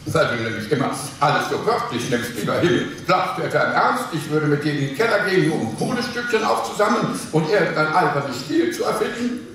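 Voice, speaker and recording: A man's voice: a little high, lively intonation, fairly quick, a bit bright, distant mic. A man playing a petulant, blustering henpecked husband. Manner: blustering, indignant, chuckling. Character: petulant henpecked husband plotting against wife. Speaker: actor in a staged reading. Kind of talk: live comic sketch reading. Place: theater stage before an audience. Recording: echoey, noisy live theater recording from afar.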